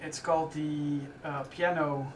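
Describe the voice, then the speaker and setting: Guy producer chatting on a live stream, kinda higher voice, stops and restarts a lot, sounds roomy and a bit away from the mic. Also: steady tone, slight background noise. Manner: thinks aloud while working, halting with restarts. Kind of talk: casual live-stream explanation. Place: music studio. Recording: roomy studio sound from a distance.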